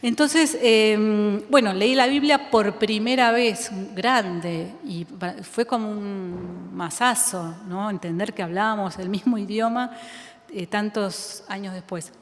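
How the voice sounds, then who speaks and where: Speaking slowly at a medium pitch, this Argentine writer, a woman with a native Argentine Spanish accent, muses through a public conversation held in an echoing school auditorium with an audience present. She laughs often and thinks aloud, restarting sentences and using many fillers.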